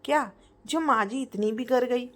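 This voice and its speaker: A woman's voice: a little high, normal speed, fairly bright tone, close to an everyday voice. A woman voicing a worried young man, a son and husband, speaking with concern.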